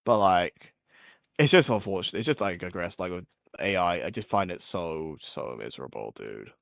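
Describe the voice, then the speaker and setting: A deep-voiced man speaks briskly with a fairly bright tone, recorded cleanly in a studio with no echo. As an interview guest, he chats and rambles casually, full of filler words, and his voice is wearing out as he starts to lose it.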